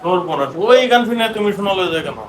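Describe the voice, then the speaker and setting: A father in a home video, gently comforting and reassuring his crying daughter. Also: high voice, lively intonation, fast, reverberant, very noisy. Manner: soothing, tender, comforting a crying child. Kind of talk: home video family chat.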